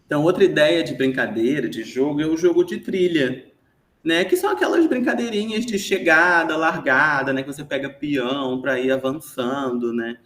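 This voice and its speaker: A man's voice: a little high, expressive, moderate pace, fairly bright tone. Chatty Brazilian man teaching in an echoey room. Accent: Brazilian Portuguese. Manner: chatty, frequent tag questions. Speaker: teacher giving an online class. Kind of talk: explanatory lesson.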